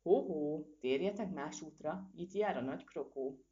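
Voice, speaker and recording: A woman's voice: on the low side, lively intonation, dark tone. A woman voicing a timid, fretful male monkey in a storybook reading, panicky and pleading. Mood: fearful. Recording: dull lo-fi recording.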